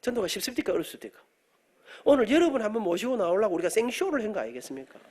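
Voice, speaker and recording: A middle-aged man, preaching an animated storytelling sermon in a church and joking with the congregation. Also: sits high, very fast, husky. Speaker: guest preacher, professor. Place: church sanctuary.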